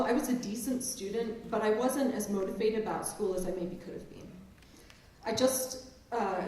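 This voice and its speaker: A woman in her forties, born in England and raised in New Jersey, speaks with a blended English and New Jersey accent carrying a touch of Maryland Eastern Shore. Her voice is medium-pitched and a little mellow, with a slight hiss or hum. She's a professor giving a conversational, self-deprecating keynote from a large auditorium stage, captured by a distant mic in a very echoey hall.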